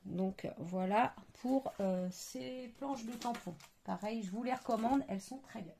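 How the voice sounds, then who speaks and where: Woman, gravelly voice, mellow tone, casual show-and-tell, hesitant, lots of fillers. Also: fairly high pitch, unhurried, slight background noise. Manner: hesitant, many fillers and searching for words. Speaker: crafting vlogger.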